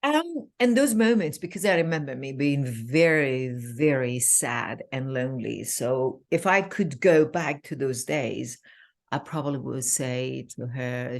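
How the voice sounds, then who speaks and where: Woman from iran, really deep and gravelly, lots of ums, chatting on a video call. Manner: halting, many fillers, laughs easily. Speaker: guest relationship coach. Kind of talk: casual interview chat.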